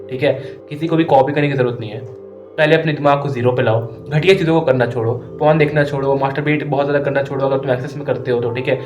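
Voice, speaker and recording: A man's voice: a little high, reverberant. A tired, sleepless man giving an earnest, casual motivational talk, mixing English into Hindi and often checking in with his listeners. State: tired and sleepless, tongue stumbling. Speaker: self-improvement vlogger.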